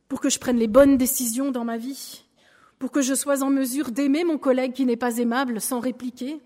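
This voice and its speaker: A woman giving a lively sermon in church, acting out an illustration with a balloon. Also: high voice, big-room sound. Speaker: church speaker. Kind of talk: sermon with object lesson.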